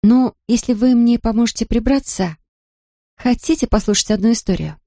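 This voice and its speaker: A woman voicing a kind, tired young nanny who talks to children gently and patiently. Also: a little high, moderate pace, dry recording, clean studio sound, pitched above the performer's own voice. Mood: firm.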